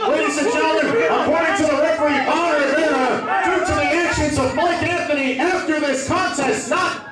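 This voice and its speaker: A man working as a lucha libre ring announcer, calling out drawn-out, shouted announcements in a bilingual style. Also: very high-pitched, fairly even intonation. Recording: echoey hall PA, distant, loud crowd, music.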